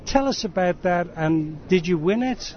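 A man's voice: high-pitched, expressive, moderate pace. A middle-aged man interviewing casually, with an appreciative, encouraging way of asking questions. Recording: dull recording with clear background noise.

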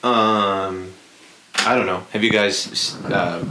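A man's voice: on the low side, steady tone, slow, background noise. A man hosting a casual podcast chat, rambling with lots of fillers and restarts. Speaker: podcast host.

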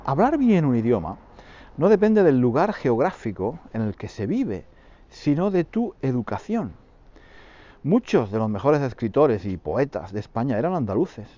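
Lively man teaching Spanish, dull sound. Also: mid-range voice. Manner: repeats phrases slowly for learners. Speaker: podcast host teaching Spanish. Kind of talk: podcast lesson for Spanish learners.

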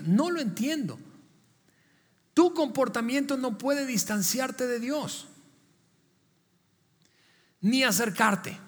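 High-voiced man preaching in a reverberant hall. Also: a bit bright. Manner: conversational, asks the congregation direct questions; frequent restarts and repeated words. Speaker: pastor. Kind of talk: sermon.

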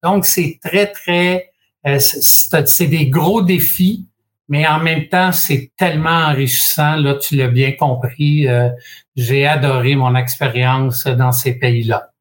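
As a guest in an interview, a Québécois-accented franchise expert in his sixties from Quebec tells his story slowly and deliberately, with many hesitations and a dry comic edge. His voice is a little high, and the intonation stays fairly even.

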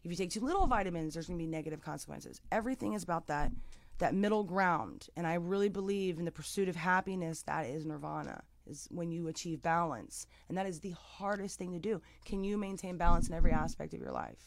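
A woman's voice: on the low side, fast, vocal fry. Earnest woman guest speaking openly. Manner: earnest, emotional, repeats words. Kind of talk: candid interview chat.

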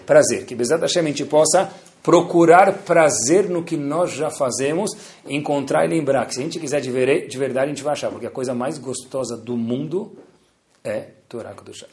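A man's voice: medium pitch, moderate pace, a little mellow. A man giving a sermon-style Torah lesson, asking rhetorical questions and answering them himself. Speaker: rabbi teaching.

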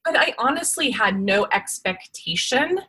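Female podcast guest, 40s, smoker's rasp, bright forceful edge, candid and emphatic storyteller. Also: a little high, expressive, a little slow. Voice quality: smoky, raspy, like a smoker's rasp. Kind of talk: candid personal storytelling in conversation.

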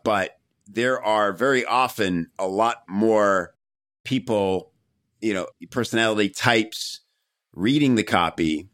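A man's voice: on the low side, takes it slowly, fairly bright tone, dry recording, clean studio sound. A man hosting a podcast interview, chatting casually with frequent "you know" fillers. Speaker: podcast host.

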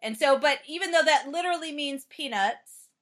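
Casting: female learner-host, native Spanish speaker, fairly high voice, chatty lesson style, keeps checking she has it right. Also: normal speed. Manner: checks understanding with frequent short questions. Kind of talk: conversational language lesson.

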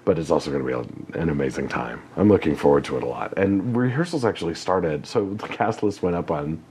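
Man, very low voice, rambling guest who laughs a lot; faint background noise. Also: lively intonation, fast, a little mellow. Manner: chatty, laughing, rambling with fillers. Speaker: guest, community theater actor. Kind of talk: casual chat.

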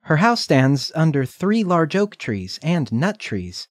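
A man's voice: a little high, very animated, slow pace, no echo, voice pushed up. A man putting on a chirpy little girl. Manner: eager, chirpy, polite. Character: sweet innocent little girl.

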